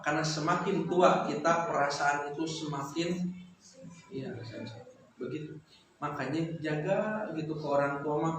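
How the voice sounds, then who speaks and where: A man with a Sundanese accent giving a religious study lecture, talking conversationally to the women listening and slipping in local words. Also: on the high side. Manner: mixes in local words, pauses with fillers. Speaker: religious teacher. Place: hall at a weekly study gathering. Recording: very echoey hall, faint noise.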